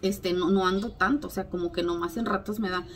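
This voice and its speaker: Chatty woman, slightly hoarse. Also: mid-range voice, steady tone, brisk, a little hiss or hum. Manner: chatty, self-mocking, frequent fillers. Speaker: vlogger. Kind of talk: casual chat to camera. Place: at home, late at night.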